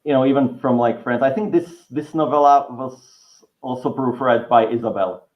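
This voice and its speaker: Speaking at normal speed and medium pitch, the Czech-accented writing teacher, a guest author from the Czech Republic, meanders through a casual interview with frequent restarts and filler words. The audio is lo-fi, dull and roomy.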